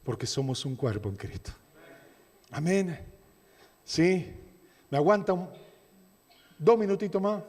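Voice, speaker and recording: A man preaching a sermon as a pastor, with a Rioplatense Spanish accent, swinging from shouted declarations to soft asides. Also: on the high side, very animated, unhurried, long pauses. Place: church hall. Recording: long reverb of a church hall.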